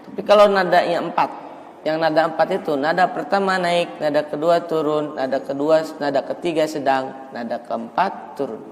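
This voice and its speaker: A man teaching melodic Quran recitation in a mosque, explaining the rules calmly and then chanting verses slowly to show the tune. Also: on the high side, in a large hall, a little hiss or hum. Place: mosque hall.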